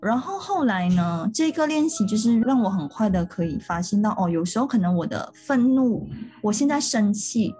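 A woman's voice: medium pitch, expressive, moderate pace, warm tone, soft background music. A woman co-hosting a podcast, talking through ideas in an earnest, step-by-step casual chat. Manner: earnest, explanatory, talks through steps. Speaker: podcast co-host.

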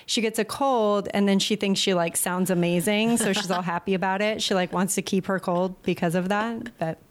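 Young female co-host, mid-pitched, chatty and rambling, quick to laugh. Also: steady tone. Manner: warm-hearted, rambling, laughs often. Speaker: podcast co-host. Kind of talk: casual chat.

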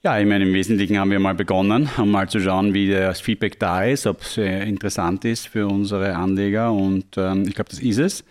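A man's voice: sits low, steady tone, a little fast, hardly any pauses. A man with an Austrian accent talking casually on a podcast, mixing in English jargon. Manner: drops English tech jargon into speech.

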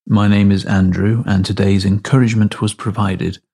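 A man with a very low, gravelly voice reads a devotional in an unhurried, reverent way. His tone is husky and a little rough at the edges. Every phrase is measured and deliberate. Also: level tone, a little mellow. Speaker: devotional reader. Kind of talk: scripted devotional reading.

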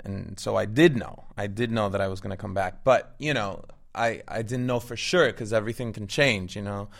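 Speaking at a normal speed in a lowish, creaky voice, this man from Venezuela is an actor guest in a relaxed interview. Spanish is his native language; he has a Venezuelan accent, talks eagerly, and keeps restarting his words.

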